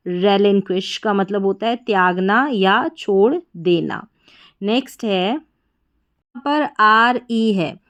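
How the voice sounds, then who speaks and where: Woman teacher, slow and clear, spells words out patiently. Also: mid-range voice. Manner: spells letters slowly, then blends and repeats the word. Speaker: English reading teacher.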